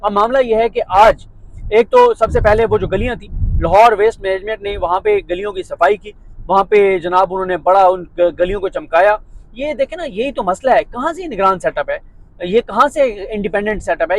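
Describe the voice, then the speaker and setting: A man's voice: high voice, poor audio. A man from Pakistan giving a sarcastic, mocking monologue of political commentary.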